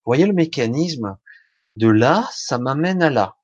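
A man's voice: mid-range voice, lively intonation, unhurried, no room sound, lo-fi sound. A man giving an informal motivational talk straight to the listener, colloquial and blunt, with mild swearing.

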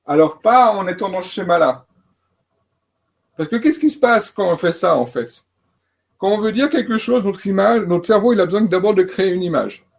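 A male coach and trainer whose first language is French speaks on a panel about learning, his voice high-pitched, gravelly, animated, and slightly raised. He talks at a moderate pace but hesitantly, with many fillers and restarts.

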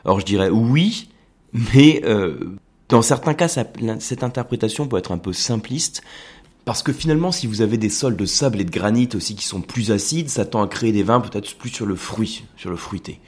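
A man with a somewhat low voice hosts an educational podcast alone. He explains things in a loose, conversational way and often pauses on fillers while thinking aloud. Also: lively intonation. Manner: explanatory, hesitant with many fillers. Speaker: wine educator and podcast host. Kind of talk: casual educational podcast monologue.

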